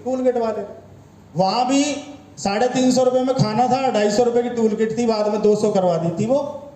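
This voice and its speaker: A man's voice: very high voice, moderate pace, warm tone. Man lecturing in an echoey hall. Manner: rhetorical questions to the audience, lecturing. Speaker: network marketing trainer. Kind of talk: motivational training talk. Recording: echoey room with faint ambience.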